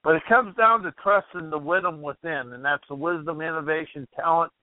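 On a tinny, phone-like radio line with no room sound, a man whose voice runs high speaks a little fast. He's hosting a motivational call-in show, rambling and questioning the listener as his voice starts to go.

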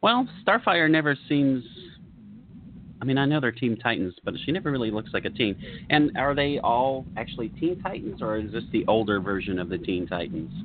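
A man's voice: mid-range voice, lively intonation, a little fast. A man co-hosting a casual chat show, joking and laughing between remarks. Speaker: podcast co-host. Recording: tinny phone-like line with faint noise.

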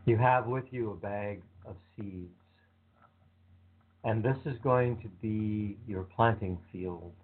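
A man leading a guided visualization meditation with slow, calm, soothing instructions. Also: on the low side. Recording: tinny phone-like sound.

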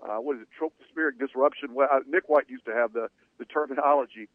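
A man's voice: mid-range voice, fast, no room sound. A man hosting sports talk radio, talking in an opinionated, conversational way, heard through a fuzzy, distorted radio signal. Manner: opinionated, conversational, rhetorical questions. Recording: tinny distorted AM radio broadcast, dry.

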